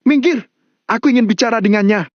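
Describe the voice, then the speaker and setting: Man doing a raging young man, high-pitched yelling, dull muffled recording. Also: a little fast, no room sound. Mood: shouting. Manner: shouting, raging. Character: furious young man with a knife.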